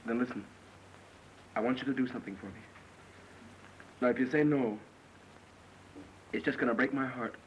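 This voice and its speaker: A young actor playing a romantic soldier who talks in an earnest, pleading way, in a 1930s film style. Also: male voice, mid-range voice, moderate pace, pauses often, muffled recording, a little hiss or hum, close to an everyday voice. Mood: tender. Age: young adult.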